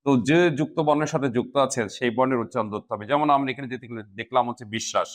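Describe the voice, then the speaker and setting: A man teaching a grammar lesson to students, speaking slowly and deliberately and spelling words out piece by piece. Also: mid-range voice.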